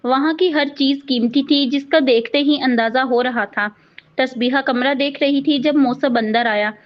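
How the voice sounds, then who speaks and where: Woman reading a romance story aloud, high pitch, kinda muffled lo-fi. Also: normal speed. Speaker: narrator. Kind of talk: storybook narration of a romance novel. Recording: dull lo-fi audio.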